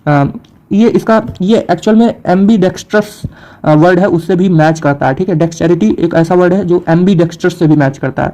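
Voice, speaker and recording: A young male teacher with a warm, mellow, slightly raised voice explains words in Hindi. He reads English definitions slowly in an Indian accent and pauses on fillers to keep his students with him. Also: high-pitched, poor audio. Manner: frequent fillers and "theek hai" checks. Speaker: exam prep teacher. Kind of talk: vocabulary lesson.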